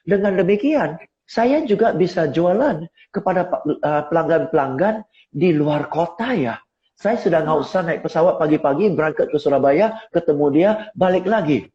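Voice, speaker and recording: A middle-aged man coaching on sales in a live online talk, lively and rhetorical, often asking listeners to agree. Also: fairly high pitch, moderate pace, highs cut off. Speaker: seminar speaker and sales coach. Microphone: phone on a tripod.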